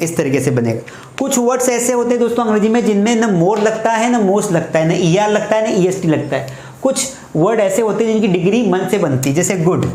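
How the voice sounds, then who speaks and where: Guy explaining english grammar, slow, repeats stuff, echoey room. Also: high voice, darkish tone. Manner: explains slowly, repeats key words as quiz questions. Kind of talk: casual classroom lesson. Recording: echoey room, faint background noise.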